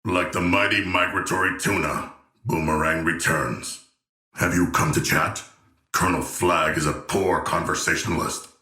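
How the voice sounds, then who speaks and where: A man's voice: deep voice, fairly even intonation, moderate pace, sharp tone, reverberant. An actor playing a huge, earnest and naive shark-man royal in a video game, speaking in stilted, formal and solemnly literal language. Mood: curious, formal. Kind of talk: scripted game character voice lines.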